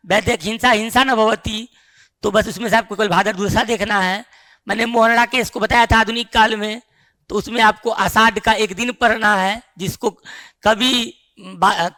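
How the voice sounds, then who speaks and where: एक पुरुष शिक्षक कक्षा में पाठ्यक्रम समझाते हुए, बीच-बीच में छात्रों से सवाल पूछता है।. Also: male voice, high-pitched, pushed and bright. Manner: explains with rhetorical questions to the class. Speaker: teacher. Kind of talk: classroom lecture on the syllabus.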